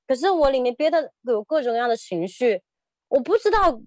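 A woman's voice: sits high, sing-song, brisk, darkish tone, no room sound. A woman in her thirties telling a personal story as an interview guest, hesitant, often repeating words and laughing.

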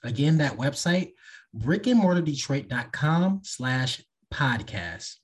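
A man with a husky voice hosting a podcast and reading announcements to listeners. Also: medium pitch, big pitch swings, takes it slowly. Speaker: podcast host.

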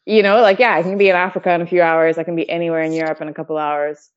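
A woman from Canada chatting in a relaxed interview, laughing often and using lots of fillers. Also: fairly low pitch, very fast, clear, resonant tone. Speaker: guest. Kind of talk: casual conversation. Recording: dull lo-fi audio.

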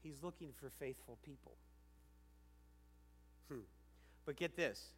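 A man preaching a sermon as a pastor, emphatic, swinging between loud stresses and quiet asides and asking the listeners questions. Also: medium pitch, takes it slowly, slight background noise. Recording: reverberant hall.

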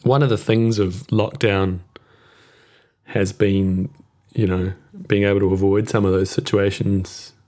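A man hosting a podcast, speaking thoughtfully and gently in reflective conversation. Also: lowish voice, level tone, unhurried. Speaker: podcast host.

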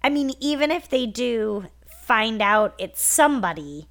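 Woman, co-host, high-ish voice, casual chat, sarcastic, lively recap. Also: unhurried. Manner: animated, sarcastic, quotes characters. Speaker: podcast co-host.

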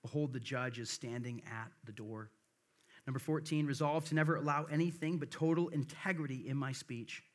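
In a medium-pitched voice at a moderate pace, a middle-aged pastor from the Midwest delivers a sermon. His Midwestern accent is slightly Southern-tinged, and he reads scripture earnestly while throwing "right?" to his listeners.

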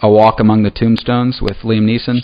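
A man hosting a casual interview, relaxed and hesitant, often restarting his sentences. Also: lowish voice, a little fast. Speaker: interview host. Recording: muffled lo-fi audio with faint noise.

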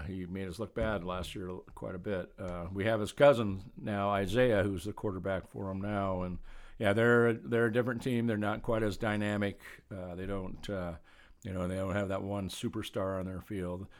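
A man who coaches football, answering interview questions in a relaxed, plainspoken way with many fillers. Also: on the low side, moderate pace. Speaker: high school football coach.

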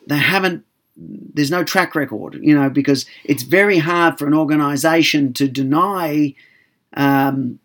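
A man talking as a workplace consultant, giving advice calmly and slowly, with many filler sounds and restarts. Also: on the high side. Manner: frequent restarts and repeated words. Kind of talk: advice talk.

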